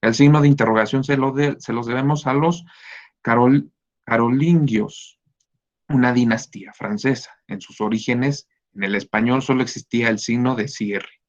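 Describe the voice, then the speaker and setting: A man's voice: medium pitch, moderate pace. A man teaching an online reading class, explaining step by step and often checking in with his listeners. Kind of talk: online class lecture on punctuation. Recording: dull lo-fi recording.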